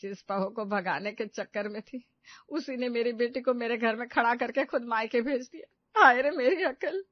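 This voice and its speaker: A woman performs a fussy older mother, scheming and quick to sigh over her bad luck. The voice is raised and lively, and the recording sounds dull and dry. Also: on the high side, no room sound, voice pushed up, natural voice. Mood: lamenting. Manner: dramatic, complaining sighs.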